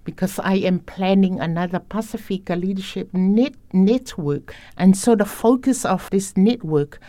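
A woman speaking as an education facilitator in a reflective interview, in a measured, deliberate manner. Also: medium pitch, dark tone, no echo.

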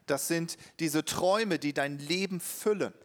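Man interpreting a sermon live. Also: on the high side. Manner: quick, earnest interpreting with occasional hesitations.

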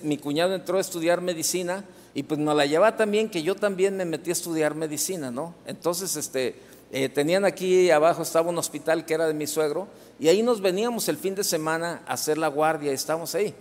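High-voiced Mexican pastor in a reverberant hall. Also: male voice, darkish tone. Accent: Mexican Spanish. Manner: storytelling with many restarts and asides to the congregation. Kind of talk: sermon. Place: church hall.

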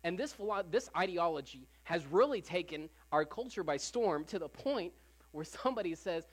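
Delivering a casual, conversational sermon on a Sunday, this preacher talks to his congregation at a moderate pace in a husky, middle-pitched voice. He leans on repeated phrases for emphasis and drops "like" constantly as filler.

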